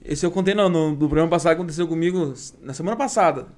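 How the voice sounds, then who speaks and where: A man's voice: fairly high pitch, rapid-fire, a little mellow. A man with a southern Brazilian Portuguese accent, hosting a podcast in a casual, slangy chat. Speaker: podcast host.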